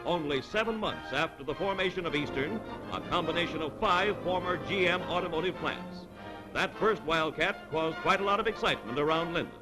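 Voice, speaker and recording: A man narrating an old 1940s newsreel with brisk, upbeat announcer delivery. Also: on the high side, low-quality recording. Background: music.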